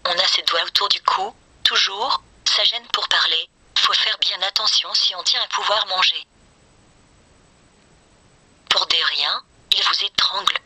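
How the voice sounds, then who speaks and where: Synthetic woman reader, very sharp, husky voice. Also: mid-range voice, measured pace, no room sound, poor audio. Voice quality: synthetic, machine-generated. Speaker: synthetic text-to-speech reader. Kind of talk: scripted audiobook-style reading of a novel.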